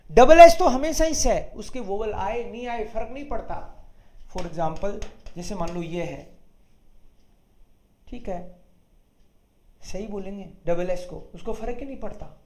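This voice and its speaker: A teacher speaks slowly and patiently, spelling out sounds and saying each one again. The voice sits at a middle pitch. The room around it is noticeably echoey. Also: darkish tone. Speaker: German teacher. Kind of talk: online beginner language class.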